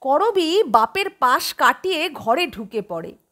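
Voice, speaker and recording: Rich: A woman reading a suspense story aloud with expressive storytelling. Her voice sits very high and moves a lot, slow and bright. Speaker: narrator. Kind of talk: scripted audiobook narration.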